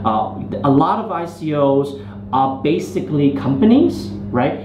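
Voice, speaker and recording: A man's voice: on the high side, animated, measured pace. Man talking in a roomy space. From Hong Kong. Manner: loose phrasing with many fillers and restarts. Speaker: startup founder guest. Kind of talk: casual interview talk. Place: indoor venue in Hong Kong. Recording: roomy, muffled, noisy ambience.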